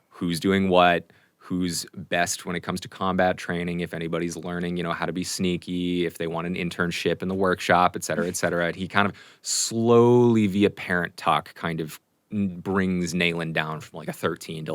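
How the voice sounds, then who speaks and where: Deep-voiced game master, loose and chatty, heavy on fillers, close and dry. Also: male voice, a bit bright, dry recording. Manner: casual, filler-heavy, chuckling narration. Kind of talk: narrating a tabletop game.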